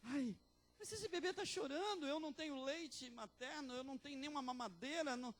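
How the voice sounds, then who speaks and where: A man preaching voices a fretful, excitable young princess in a high, flustered tone. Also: fairly quick. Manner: shrill, flustered, high-pitched fretting.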